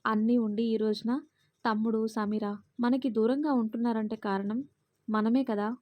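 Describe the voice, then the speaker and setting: A woman's voice: a little high, fairly even intonation, normal speed, mellow, no echo, natural voice. A woman voicing a regretful grown daughter in a storybook reading, earnest and pleading.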